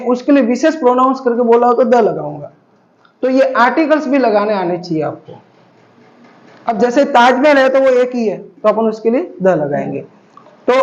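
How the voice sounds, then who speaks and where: A man with a very high voice teaches a grammar class. He explains patiently and goes over each example several times. The recording is dull and lo-fi, in an echoey room. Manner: patient, repetitive explaining, addresses students as beta.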